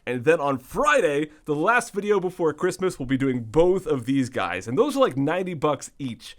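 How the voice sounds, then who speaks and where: A man hosts in a casual, chatty commentary style. His voice is on the high side and thin, sounding weak, yet the pitch swings widely from phrase to phrase. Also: very animated, normal speed. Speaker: host of card pack opening videos.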